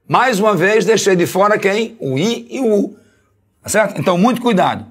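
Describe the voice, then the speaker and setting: A Brazilian man teaches a grammar lesson in a somewhat husky, slightly high voice. His pitch swings widely in a melodic, sing-song way. He slows down on key syllables and keeps asking whether the class follows. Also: lively intonation. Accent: Brazilian Portuguese. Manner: didactic, keeps asking "tá certo?". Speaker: Portuguese teacher.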